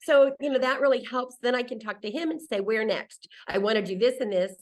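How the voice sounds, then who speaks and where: Fairly high-pitched and brisk, a woman in her 60s who speaks English natively tells casual stories as an interview guest about her solo travels. She often breaks into her own sentences and performs the quotes.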